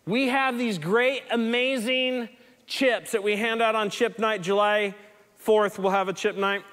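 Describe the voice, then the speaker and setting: A man's voice: high-pitched, a bit bright. Man preaching in a reverberant hall. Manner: storytelling, earnest, conversational. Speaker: pastor. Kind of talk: sermon.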